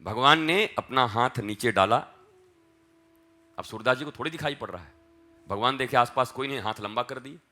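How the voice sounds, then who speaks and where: Bright-voiced man telling a devotional tale. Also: medium pitch, normal speed, pauses often. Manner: acts out dialogue in dialect, swings from hushed chant to loud calls. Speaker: spiritual teacher. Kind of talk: devotional storytelling sermon.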